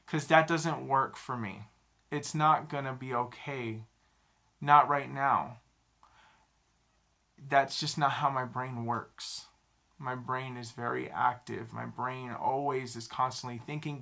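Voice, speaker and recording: A man in his thirties talking to a camera in a halting, self-critical confessional vlog, often repeating himself. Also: medium pitch, vocal fry, pushed and bright. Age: 30s. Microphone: camera mic, talking to a camera.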